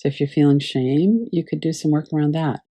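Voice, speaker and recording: A woman teaching a class over a video call, gently guiding listeners through a visualization with unhurried pauses. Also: low voice. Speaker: meditation teacher.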